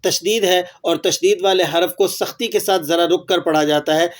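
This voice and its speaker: High-voiced man teaching recitation rules. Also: fairly even intonation. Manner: patient, poses questions then answers them; repeats phrases slowly for learners to echo. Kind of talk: tajweed lesson.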